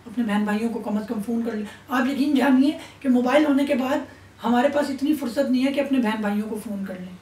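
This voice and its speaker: A woman's voice: on the high side, warm tone. A woman giving an Islamic sermon in a stern, admonishing tone. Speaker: religious speaker. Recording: roomy echo, distant mic.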